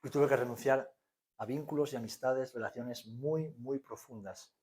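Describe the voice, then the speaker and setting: A pastor in his forties with an accent from Spain, preaching to his church. He drops to near quiet and then rises to loud peaks. His voice sits at an average pitch for a man. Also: normal speed. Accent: Spanish from Spain. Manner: preaching with sudden swings from hushed to loud. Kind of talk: sermon.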